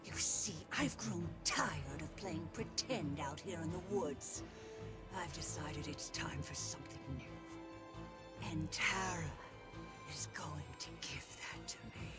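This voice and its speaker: A menacing game witch speaks through a disguised deep voice, pitched down as if by a voice changer. She drags out each cruel taunt at an unhurried pace, her tone low and heavy. Music plays clearly underneath. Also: very animated, full character voice. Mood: cold. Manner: slow, mocking, drawn-out taunts. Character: sinister melting witch woman, cruel and taunting.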